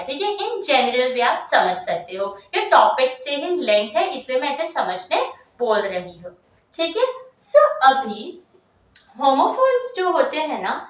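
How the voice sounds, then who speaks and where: A young woman with a high-sitting voice teaches an exam-focused English grammar lesson, lively and chatty, full of asides and repeated checks on her students. The mic sits at a distance in a roomy space.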